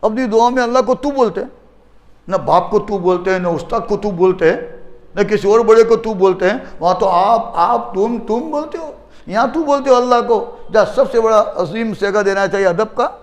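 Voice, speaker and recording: A man preaching a Friday sermon in a mosque, his voice pitched high as he presses his listeners with question after question. He repeats key phrases for emphasis. The recording is roomy, with a long hall reverb trailing behind every sentence. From India. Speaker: mufti preacher.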